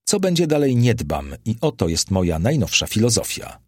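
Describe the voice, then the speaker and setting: A man's voice: lowish voice, sing-song, moderate pace, slightly rough, no room sound, studio quality. A man voicing a worldly, ironic Roman aristocrat who speaks in a languid, wry, philosophizing way.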